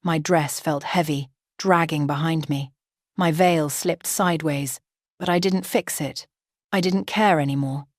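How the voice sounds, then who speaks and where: A woman narrating a first-person story in a steady, dramatic way. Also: low-pitched, unhurried, no room sound, studio quality.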